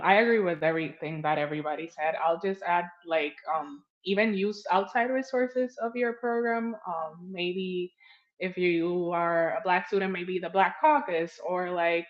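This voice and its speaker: A graduate student on a video call panel, adding brief, hesitant points. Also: medium pitch. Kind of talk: panel discussion. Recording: dull lo-fi video call audio.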